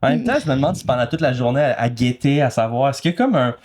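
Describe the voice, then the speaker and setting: A man's voice: mid-range voice, lively intonation, rapid-fire, a loud crowd. A man with a Quebec French accent, co-hosting a casual podcast chat and joking around in a playful way. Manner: playful, slips into goofy put-on voices. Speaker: podcast co-host.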